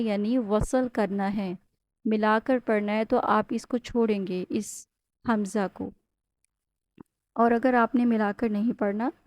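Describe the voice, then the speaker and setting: A woman teaches Quran recitation in a patient, step-by-step way, often checking in with "ok?". Her voice sits fairly high but has a mellow, soft tone, and she stretches out the Arabic words slowly as models. The recording is dry and close. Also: dry recording. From Pakistan. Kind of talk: step-by-step Tajweed lesson.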